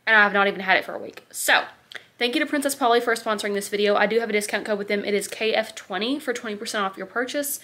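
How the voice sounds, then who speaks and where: Her voice is medium-pitched and sharp, slightly nasal and congested. Indoors in her bedroom, the twenty-something American fashion vlogger holds a compact camera at arm's length, gushing emphatically about her clothing haul and leaning heavily on "like".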